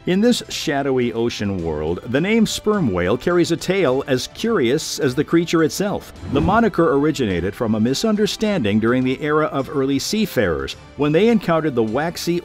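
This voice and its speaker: A man reading scripted nature documentary narration in a measured, formal storytelling way. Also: mid-range voice, big pitch swings, darkish tone. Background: background music.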